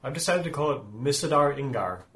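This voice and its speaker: A man's voice: mid-range voice, animated, fairly quick, fairly bright tone. Dry, mock-formal man in a tabletop game. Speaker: player. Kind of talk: tabletop role-play chat.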